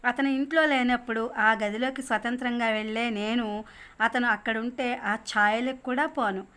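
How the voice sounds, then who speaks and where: A woman with a slightly high voice narrates a novel at a steady audiobook pace. She reads the dialogue of every character herself, keeping close to her own speaking voice with only light shifts in tone. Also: moderate pace, clean tone.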